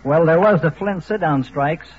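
A man's voice: fairly high pitch, moderate pace. An American man answering formally and matter-of-factly in a scripted-sounding 1930s radio interview. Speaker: newsreel cameraman interview guest. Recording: muffled, noisy old radio broadcast.

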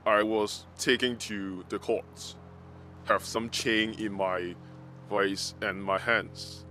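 Man with a disguised deep voice. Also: fairly even intonation, bright, forceful tone, a little hiss or hum. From Hong Kong. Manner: halting, searching for words, many restarts and "like" fillers. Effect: voice disguised, pitch-shifted deeper. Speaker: pro-democracy organizer. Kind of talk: interview testimony.

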